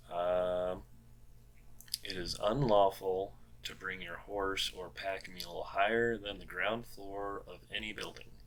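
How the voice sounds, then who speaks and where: A man's voice: deep voice, fairly bright tone, low-quality recording. A man hosting a casual show, reading out odd laws and musing over them in a wry, puzzled way with many fillers. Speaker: host.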